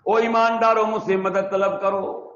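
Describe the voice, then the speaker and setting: Male mosque preacher, high-pitched, emphatic with hushed asides, chants verses slowly; echoey hall, dull lo-fi recording. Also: level tone. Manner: swings between loud emphatic calls and low hushed asides. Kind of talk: Urdu mosque sermon.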